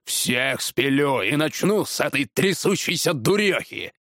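A gruff, hot-tempered woodcutter who barks his complaints, as a male storyteller voices him. The delivery swings widely and is recorded dry and close. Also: medium pitch, lively intonation, unhurried, fairly bright tone, no echo. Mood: angry. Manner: barking, blustering.

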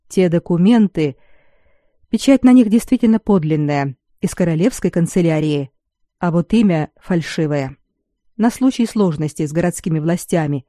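A reader voicing a foreign male commoner and spy who speaks quietly, carefully and deferentially in an audiobook. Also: medium pitch, dry recording, clean studio sound, close to an everyday voice. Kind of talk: audiobook character reading.

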